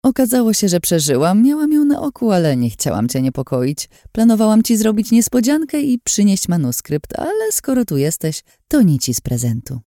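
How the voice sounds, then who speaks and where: A high, lilting villainess, put on by a woman reading an audiobook, taunting her captives with sweet menace. Her tone is dark and mellow despite the raised pitch, and the recording is close and dry. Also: big pitch swings, normal speed, hardly any pauses, no echo, close to an everyday voice. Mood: mocking. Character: scheming cruel woman, mocking and gleeful.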